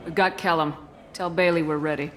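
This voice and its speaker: A woman voices a resolute female military commander in a video game, pitched quite low. Her delivery is cool, controlled and direct, the sound of someone used to giving orders. Faint noise is heard behind her. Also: fairly even intonation, fairly quick, lightly acted. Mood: firm, confident. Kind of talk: dramatic video game acting.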